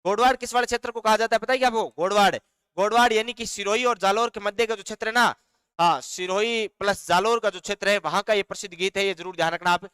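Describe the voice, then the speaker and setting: High-voiced Rajasthani man teaching a live class. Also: a bit bright, clear, resonant tone, no echo, clean studio sound. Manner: dictates notes slowly and sings folk song lines; reads live chat comments aloud and answers them.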